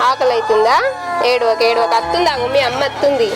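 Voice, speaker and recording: A chatty young babysitter played by a woman with a Telangana Telugu accent. She talks fast in a high voice, coaxing and talkative, over film music. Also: fairly even intonation, close to an everyday voice. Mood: soothing.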